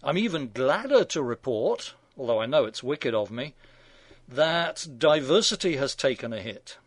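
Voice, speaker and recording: A man's voice: medium pitch, sing-song, normal speed, no room sound. A man in his sixties, hosting a scripted opinion commentary with dry, sardonic asides. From England. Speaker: radio commentary host.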